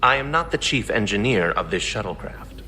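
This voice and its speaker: An actor playing a stern, humorless Vulcan engineer in a game, speaking in stiff, precise, deadpan formal sentences. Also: male voice, fairly low pitch, moderate pace. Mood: stern, dry. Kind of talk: scripted game dialogue. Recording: long hall reverb, faint noise.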